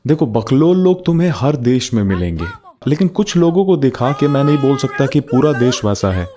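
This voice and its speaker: A man's voice: mid-range voice, sing-song, brisk, music in the background. A man with an Indian accent hosting a casual commentary video in a rhetorical, teasing manner. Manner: rhetorical, teasing, mixes Hindi and English slang. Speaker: video essay host.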